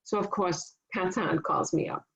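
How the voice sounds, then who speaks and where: A woman's voice: on the low side, moderate pace, a bit bright, slightly rough, rough recording. A woman nursing instructor giving a casual, conversational classroom lecture, explaining with everyday analogies and stories.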